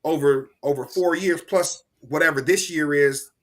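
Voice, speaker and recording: A man co-hosting a casual sports podcast, animated and rambling, with slang and frequent restarts. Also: on the high side, normal speed. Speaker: podcast co-host.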